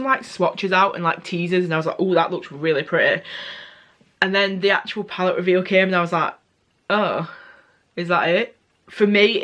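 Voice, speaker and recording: A woman's voice: lowish voice, fairly bright tone. A young woman beauty vlogger giving a casual, candid product review, often correcting herself mid-sentence.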